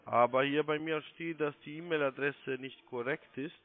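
A call-centre agent, a man in his thirties, gives formal, polite instructions step by step and spells things out. He speaks at normal speed with a voice on the high side. The sound is narrow, like a phone line.

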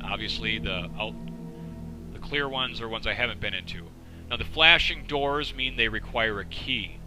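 In this rough recording, a man with a mid-range voice rambles through casual, profane let's play commentary on a video game while his voice gives out. Game music plays underneath.

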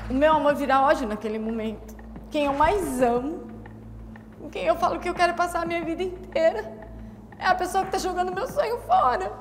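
A woman's voice: very high voice, fairly quick, in a large hall, faint music behind. A woman in her forties, a restaurant owner, speaking emotionally and with distress. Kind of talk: reality TV confessional.

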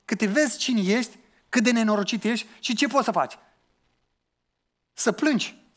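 Male pastor, higher register; earnest sermon delivery, challenging and conversational. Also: fairly bright tone. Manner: earnest, questioning the listeners, colloquial asides.

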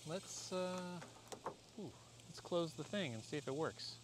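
Unhurried and expressive, with a fairly high-pitched voice, an American man in his forties rambles through a product installation for a casual how-to vlog, often putting himself down. A camera or phone mic from arm's length to a few feet records him in a driveway and a parked car, and the audio is noisy with clear ambient sound.

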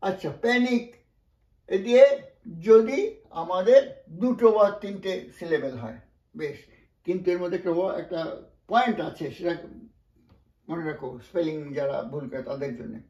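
High-voiced man teaching pronunciation. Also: lively intonation, normal speed, pauses often, darkish tone, reverberant. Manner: patient, explains word by word with frequent asides. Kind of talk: spoken classroom lesson.

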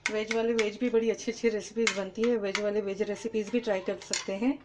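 A woman's voice: mid-range voice, steady tone, fairly quick, noisy background. A woman hosting a live cooking demonstration, chatting with viewers and greeting them by name as she cooks in a kitchen. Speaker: cooking host. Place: home kitchen.

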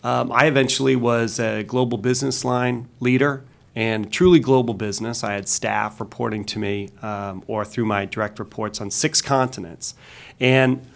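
A man with a Boston accent, a commissioner questioning a witness at a public hearing, halting and full of fillers. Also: medium pitch, steady tone, gravelly. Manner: halting, with many fillers and restarts.

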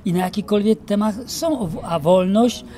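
An older man, an actor being interviewed casually in an outdoor garden courtyard, reminisces in a lively way with many pauses and fillers. His voice sits high, picked up by a handheld mic held by the interviewer.

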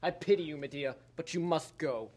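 A young man doing a harsh king who gives orders, raised pitch, stage play. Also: normal speed, darkish tone, close to an everyday voice. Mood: stern. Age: young adult. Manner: stern, commanding, harsh. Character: stern, commanding middle-aged king. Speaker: student stage actor. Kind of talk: stage tragedy acting.

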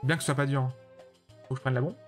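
A man streams a level-making platform game at a medium pitch, his tone steady and his speech rapid-fire over faint background music. He chats casually with viewers, answers chat by name, and bluntly judges the levels they send in.

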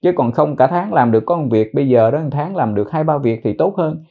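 A man teaching English pronunciation, repeating words slowly and explaining in mixed Vietnamese and English. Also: a little high, expressive, husky, narrow, tinny audio. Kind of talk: pronunciation lesson.

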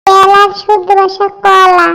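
A squeaky cartoon mother with a Barishal accent. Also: steady tone, normal speed. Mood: explaining. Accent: Barishal dialect of Bengali. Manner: explains plainly, matter-of-fact. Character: patient mother explaining words to her child. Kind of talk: comic cartoon dub.

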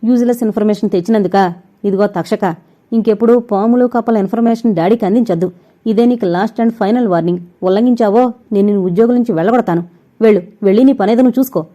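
A woman's voice: medium pitch, fairly quick, close to an everyday voice. A woman voicing a spoiled, bossy young woman who scolds and orders the household staff around. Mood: scolding. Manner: sharp, scolding, commanding. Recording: dull lo-fi recording.

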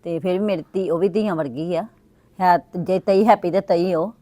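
An actress playing a blunt middle-aged village wife who talks quickly and reproachfully, in a web series drama. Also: female voice, lowish voice, warm tone, no room sound, natural voice. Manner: fast, reproachful, then muttering asides. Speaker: Sukhwinder, sister-in-law.

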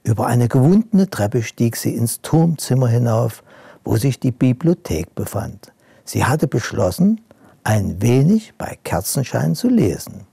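A man reading a bedtime story aloud to children, gently and expressively, sometimes dropping to a hush. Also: medium pitch, big pitch swings, measured pace, vocal fry, breathy edge, dry recording.

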